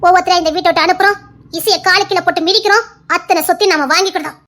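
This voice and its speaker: Scheming woman in a TV serial, sly and conspiratorial, rapid bright delivery. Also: very high-pitched, fairly even intonation. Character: scheming woman plotting to seize a family's wealth. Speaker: scheming family member. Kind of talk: TV serial acting.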